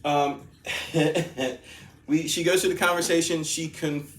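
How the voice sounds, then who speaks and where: A man with a fairly high, steady voice tells a long story slowly and casually, rambling, repeating himself and laughing often. The room is echoey with faint ambience.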